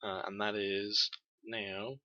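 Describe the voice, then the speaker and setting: Bright-voiced hesitant game master man. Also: lowish voice, level tone, slow, dry recording, highs cut off. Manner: hesitant, full of fillers. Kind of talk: narrating a tabletop game.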